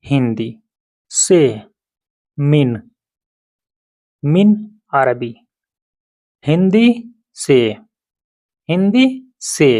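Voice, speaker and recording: A man's voice: fairly high pitch, a little mellow, no room sound. A man teaching vocabulary word by word, repeating each term several times. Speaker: language teacher. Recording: dull lo-fi recording.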